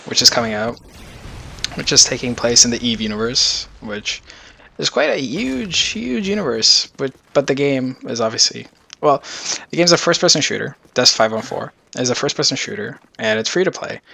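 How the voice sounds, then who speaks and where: A man's voice: medium pitch, sing-song, normal speed, gravelly, pushed and bright. A man rambling casually through his video game predictions in a vlog. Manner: rambling, loose and chatty. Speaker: gaming YouTuber.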